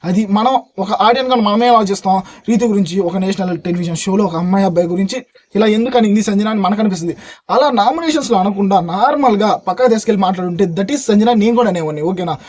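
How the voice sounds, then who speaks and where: A man reviewing a reality show in casual, animated chat, speaking to viewers like friends. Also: high-pitched, fast. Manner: animated, addresses viewers as buddies.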